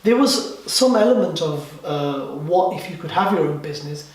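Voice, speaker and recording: A man born in Kenya and raised in England, answering interview questions in a measured way with frequent pauses. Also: fairly high pitch, animated, far from the mic. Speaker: guest, life and business coach. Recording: very echoey room, away from the mic.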